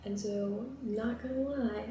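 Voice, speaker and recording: Unhurried and mid-range with fairly even intonation, a young woman rambles through a casual cooking vlog, sprinkling in many fillers. The mic sits at a distance in a roomy kitchen, and the background is noisy.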